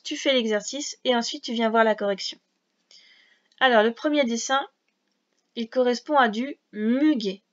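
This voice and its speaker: A woman teaching a reading lesson to young children, patiently sounding out syllables and letters one by one. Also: a little high. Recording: dull lo-fi sound.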